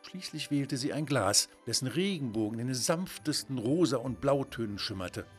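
Expressive male children's storyteller. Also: mid-range voice, moderate pace, faint music behind. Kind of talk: children's bedtime story narration.

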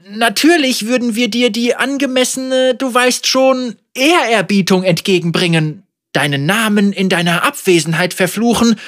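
A woman voicing a hesitant female village leader who flatters awkwardly and keeps stalling. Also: a little high, normal speed, pitched above the performer's own voice, close to an everyday voice. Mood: placating. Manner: hesitant, filler-laden, ingratiating.

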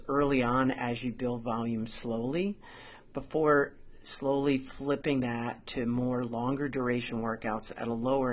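Slightly husky man giving upbeat, tidy advice. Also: medium pitch. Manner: organized, explanatory, measured. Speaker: podcast host and endurance coach.

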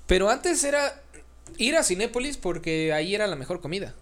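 A man's voice: high-pitched, a little fast. Slangy Mexican guy telling stories. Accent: Mexican Spanish. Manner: animated storyteller, slangy, acts out quotes. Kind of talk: casual chat.

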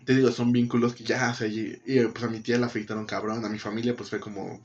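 A man's voice: on the low side, fast, muffled recording. Slangy young Mexican man telling a story. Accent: Mexican Spanish. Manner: profane, slangy, animated retelling with acted quotes. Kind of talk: casual chat, storytelling.

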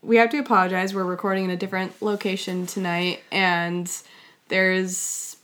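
A woman's voice: medium pitch, little pitch movement, normal speed, a bit bright. A woman with a mid-range voice co-hosts a casual podcast. She teases her co-host and laughs easily. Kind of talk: casual chat.

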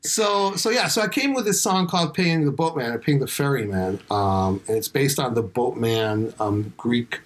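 A man's voice: medium pitch, moderate pace, few pauses. A man in casual conversation, talking about making a music video, acting out quotes as he tells stories. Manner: animated storyteller, acts out quotes. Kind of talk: casual chat.

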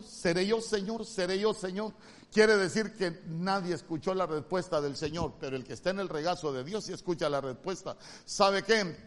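A male pastor with a Honduran accent preaching a sermon, moving from loud emphatic calls to soft, hushed lines. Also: sits high. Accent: Honduran Spanish.

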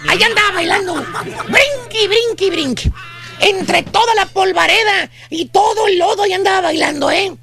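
A Mexican man hosts a radio comedy bit in a strikingly high, squeaky voice. His tone is bright and a little gravelly, and he keeps the storytelling broad and exaggerated. Music plays softly behind him. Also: a little fast, hardly any pauses. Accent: Mexican Spanish. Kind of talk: comic radio monologue.

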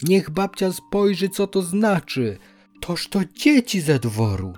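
A man voicing a poor, timid little village boy in a storybook reading, with a high, slow, pleading child's voice. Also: expressive, a little mellow, faint music behind. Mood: amazed.

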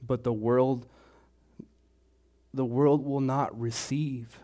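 Male pastor, slow measured sermon delivery, repeats phrases, mid pitch. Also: flat delivery, warm tone. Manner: slow, deliberate preaching with repetitions. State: throat clearing, choked up.

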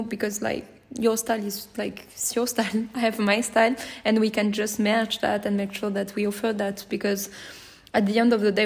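This is a woman with a French accent, speaking English as her second language. She talks in a relaxed, unscripted way as a guest on a podcast, often stopping to hunt for the right word and leaning on fillers. Her voice sits at an ordinary middle pitch. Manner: hesitant, searching for English words with many fillers. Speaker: podcast guest, small business owner. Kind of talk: casual interview chat.

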